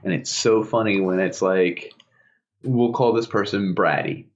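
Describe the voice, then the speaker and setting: A man co-hosting a podcast in casual chat, talking in an animated way and telling stories. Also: a little slow. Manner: animated storyteller, bursts into high laughing impressions. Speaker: podcast co-host. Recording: dull lo-fi podcast audio.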